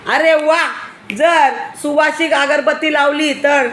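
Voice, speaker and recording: A woman preschool teacher with a Marathi accent teaching young children in class, asking question after question and urging them to answer louder. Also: high voice, fairly even intonation, slow.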